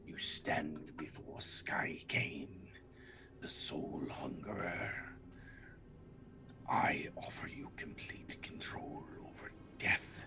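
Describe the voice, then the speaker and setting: Man playing ancient dark entity, whispered role-play, very low, slow, ominous, tabletop game, faint noise. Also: huge pitch swings, full character voice. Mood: ominous, tempting. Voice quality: hushed, breathy whisper. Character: ominous ancient dark entity offering power over death.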